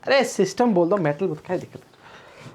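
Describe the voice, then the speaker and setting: High-voiced, teasing male physics teacher. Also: lively intonation, moderate pace, darkish tone. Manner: chatty, teasing, talks straight to students; wanders off into playful asides and rhymes. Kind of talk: casual classroom lecture.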